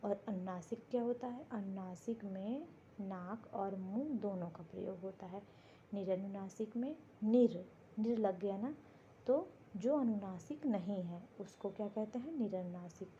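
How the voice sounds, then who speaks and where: Female teacher, warm mellow tone, walks through a lesson by posing and answering her own questions. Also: medium pitch, dull audio, a little hiss or hum. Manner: slow, explains step by step, asking and answering her own questions. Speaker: Hindi grammar teacher. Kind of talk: classroom-style exam prep lesson. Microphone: board lesson video, writing while talking.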